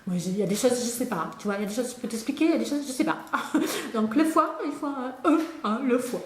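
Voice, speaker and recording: A comic spelling tutor with a slightly high, somewhat mellow voice talks fast with lively intonation, rambling in a scatterbrained way to a pupil who isn't there. She trails off mid-sentence and laughs at herself. The room is echoey, with faint background noise.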